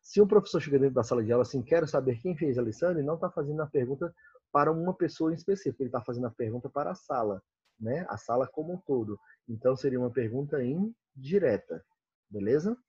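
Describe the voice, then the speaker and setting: A Brazilian Portuguese man teaches a grammar lesson and keeps asking his students if they follow. His voice is dark and a little husky. The recording is dry and dull. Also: mid-range voice, lively intonation, quick pace, no echo. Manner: checks in constantly, reads comic lines aloud.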